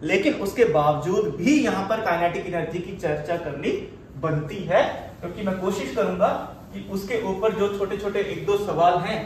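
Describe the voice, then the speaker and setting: High-voiced Indian teacher in an echoey room. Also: male voice, normal speed. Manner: mixes Hindi and English, asks and answers his own questions. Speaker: physics teacher. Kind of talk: classroom lecture. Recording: roomy, far from the mic, faint hiss.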